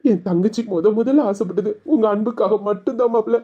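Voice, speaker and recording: A man's voice: high voice, fast talker, mellow, highs cut off. An actor playing a grieving brother who pleads emotionally for his sister's husband to show her love. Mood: pleading.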